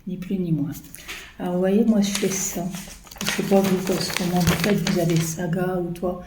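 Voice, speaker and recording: A woman talks slowly and haltingly to her viewers about her embroidery, filling gaps with hesitations. Her voice sits low and mellow, and her throat sounds choked. The recording is roomy and echoey, with faint noise behind her. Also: fairly even intonation. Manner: hesitant, many fillers. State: coughing, choking. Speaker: embroidery vlogger. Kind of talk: casual chat to viewers.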